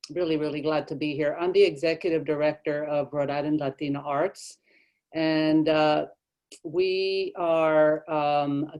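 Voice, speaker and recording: A middle-aged woman from Mexico, raised in Texas, an arts director speaking in a roundtable with a warm, halting manner full of restarts. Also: low voice. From born in Mexico, raised in Texas. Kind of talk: roundtable discussion.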